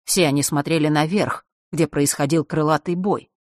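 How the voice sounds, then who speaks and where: A woman reading a fantasy story aloud as a narrator, in an even storytelling manner. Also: low voice, moderate pace, dry recording, studio quality. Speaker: audiobook narrator.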